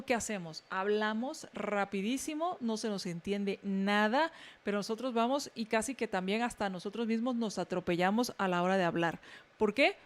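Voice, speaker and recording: A woman hosting a show, giving listeners relaxed advice on public speaking and addressing them directly with frequent fillers and restarts. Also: medium pitch. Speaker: radio show host giving business tips.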